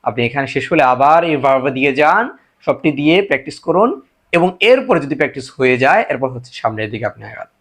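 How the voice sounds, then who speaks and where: A man teaching a spoken English lesson, a Bengali speaker who repeats example sentences slowly and translates each one. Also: medium pitch, lively intonation, fairly bright tone.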